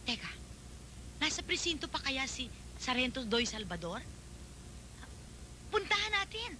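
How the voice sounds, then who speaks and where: An excitable aunt in a film comedy-drama. Her voice is high and bright, worrying and a little vain. There is faint ambient noise. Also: a little slow, heavily acted, low-quality recording. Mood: worried.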